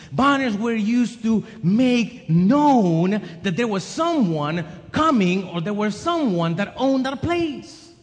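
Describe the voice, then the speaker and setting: A man preaching a sermon with an emphatic, rising and falling cadence. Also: high voice. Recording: long hall reverb.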